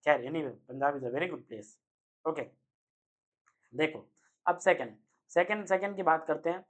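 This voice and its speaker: A young man giving an energetic online chemistry lecture, speaking loudly and constantly quizzing his students with quick rhetorical questions. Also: on the high side. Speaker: chemistry teacher. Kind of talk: online exam-prep lecture.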